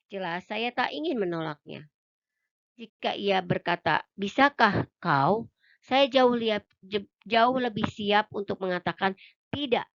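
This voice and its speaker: A woman reading an audiobook aloud in a calm, even way, with a few small slips. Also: mid-range voice, no room sound, muffled recording. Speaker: audiobook reader. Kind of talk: audiobook narration.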